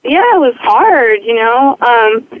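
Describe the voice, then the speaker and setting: A woman's voice: a little high, expressive, takes it slowly, no room sound. A woman calling into a radio show from her car, talking hesitantly and self-consciously with restarts. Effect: radio show caller heard over a phone line. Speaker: caller. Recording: tinny phone line with faint car noise.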